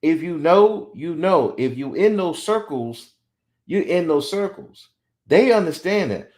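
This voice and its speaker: A podcast host in his forties speaks unhurriedly in a slightly high voice. His commentary is blunt, opinionated and animated, and when quoting others he sometimes mocks them.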